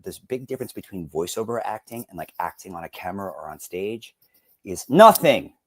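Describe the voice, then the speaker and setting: Animated male voice actor telling stories. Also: low-pitched, a little fast, husky, dry recording. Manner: animated, acts out quotes, laughs often. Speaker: voice actor guest. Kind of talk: casual interview storytelling.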